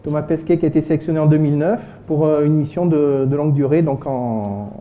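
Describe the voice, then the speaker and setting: A man giving an informal presentation as an amateur radio volunteer, chatty and halting. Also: fairly high pitch, steady tone. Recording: muffled lo-fi sound, dull microphone.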